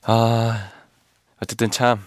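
A ballad singer hosts a live radio show from a studio, his medium-pitched voice moving slowly over a dry recording. Between listener messages he chats casually, relaxed and self-deprecating, while guitar music plays faintly behind him.

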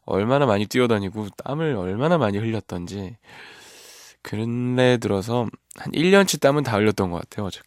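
Here a ballad singer hosts a live radio broadcast from a studio, his fairly low voice brisk and free of room sound. Casual and relaxed, he chats between listener messages and pokes fun at himself while guitar music plays softly.

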